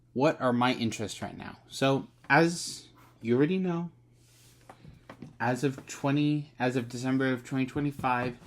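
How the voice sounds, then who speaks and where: Man in a casual vlog, a novelist addressing his future self; soft, rambling, filler-heavy, average pitch. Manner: rambling, soft-spoken, many fillers and restarts.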